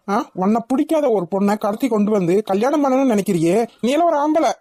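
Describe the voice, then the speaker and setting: A woman voicing a protective young male hero in a cartoon, who lectures sternly and then comforts gently. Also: a little high, no room sound, close to an everyday voice. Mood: stern, scolding. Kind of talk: cartoon voice acting.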